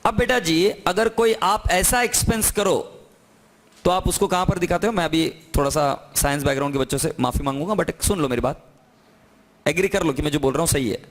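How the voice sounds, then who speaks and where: Man, accounting teacher, high voice, lively classroom lecture, keeps quizzing students. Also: a little fast. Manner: lively, coaxing questions to students.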